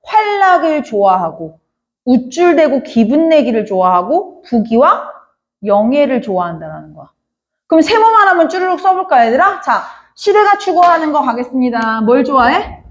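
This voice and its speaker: A woman teaches a literature class in a high, lively voice that jumps all over as she explains. She keeps turning to her students with quick questions to check that they follow. The sound is a bit muffled and lo-fi. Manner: addresses students often, asks many check questions. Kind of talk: classroom lecture.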